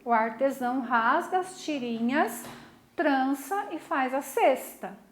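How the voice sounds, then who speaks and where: A woman's voice: high-pitched, slow pace, reverberant, a little hiss or hum. A middle-aged woman teacher giving a recorded class, asking questions and checking in with her students often. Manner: lively, questioning, warm teacher talk with "né?" tags. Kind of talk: recorded online class lesson.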